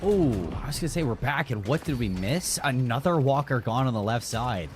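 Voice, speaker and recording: A man with a Canadian accent, giving fast, energetic play-by-play for a live esports match. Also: medium pitch. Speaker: esports caster. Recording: noisy broadcast mix.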